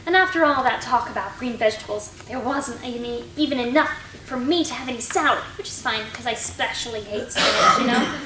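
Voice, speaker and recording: A high-pitched, guileless little schoolgirl played by a woman rattles on through her class report in a staged reading. The sound is distant and roomy, with faint noise. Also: a little fast, few pauses, natural voice. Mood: chatty, guileless.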